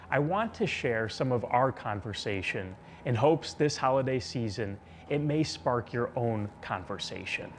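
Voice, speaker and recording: A man in his twenties, a TV reporter, narrating a personal story in a soft, reflective voice. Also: medium pitch, a little hiss or hum. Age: 20s. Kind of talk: scripted narration. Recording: narration over music.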